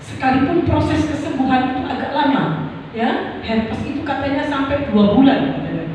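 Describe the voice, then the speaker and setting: Older woman pastor, animated sermon delivery, distant mic, big echoey hall. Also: high-pitched, moderate pace, slight background noise. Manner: addresses the congregation as saudara, acts out pleading prayers. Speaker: preacher. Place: church hall. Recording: echoey church hall from far off.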